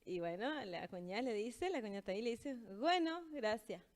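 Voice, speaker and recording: A woman teaching in a casual language lesson, explaining patiently and slowing down to read example phrases. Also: mid-range voice, lively intonation, a little mellow.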